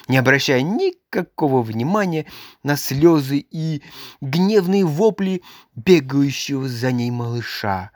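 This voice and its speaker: A woman reading a children's story aloud, narrating in an expressive, measured way. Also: very deep voice, no room sound, studio quality.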